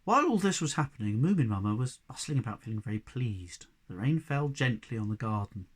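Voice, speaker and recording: A man, a primary school teacher, reading a children's storybook aloud in an expressive way. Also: medium pitch, a little fast, husky.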